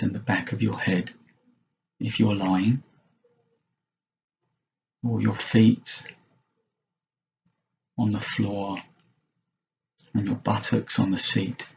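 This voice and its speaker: A male meditation teacher guides a mindfulness session in a gravelly, lowish voice, speaking gently and slowly in short phrases separated by long pauses. The recording is lo-fi with a faint hiss or hum.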